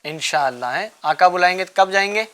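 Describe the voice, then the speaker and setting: A man hosting a children's religious show, coaxing the kids with repeated questions and gentle teasing. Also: high voice, expressive. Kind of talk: quizzing children in a studio class.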